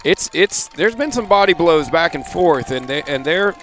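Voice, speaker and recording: A man's voice: a little high, expressive, normal speed, fairly bright tone. A man doing casual color commentary at an outdoor football game, chatty and full of restarts and "you know"s.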